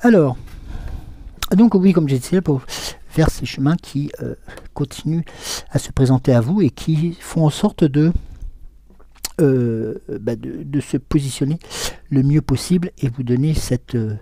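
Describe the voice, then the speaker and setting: A man's voice: medium pitch, measured pace, pauses often, dark tone, no room sound. A man giving a live oracle card reading, hesitant and full of fillers, answering viewers' comments as he goes. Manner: hesitant, many fillers and restarts.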